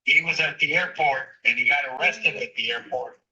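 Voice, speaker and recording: A man on speakerphone from his car, a defense attorney talking in a hurried, halting way and pleading for more time. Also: a little high, bright, forceful tone, dull audio. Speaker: defense attorney calling the judge. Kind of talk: phone call in court. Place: in a car on the road.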